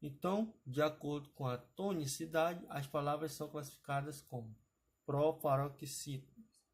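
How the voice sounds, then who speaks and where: A man's voice: on the high side, darkish tone. A man teaching an exam-prep grammar lesson over slides, often checking in with his students. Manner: explanatory, adds frequent "tá, pessoal?" checks.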